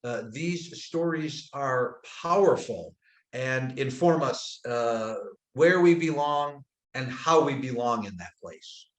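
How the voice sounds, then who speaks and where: A man from upstate New York, a guest storyteller talking in a thoughtful, unhurried way, with many "uh" pauses and soft phrase ends. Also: mid-range voice, animated, reverberant, low-quality recording. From upstate New York, United States. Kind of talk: casual storytelling talk on a webinar. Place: indoors, abroad in Croatia.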